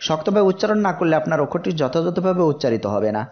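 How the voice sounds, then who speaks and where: A man teaching Quranic pronunciation in a slow, explanatory way, drawing out letter sounds as examples. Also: a little high, big pitch swings, dull audio. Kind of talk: tajweed lesson.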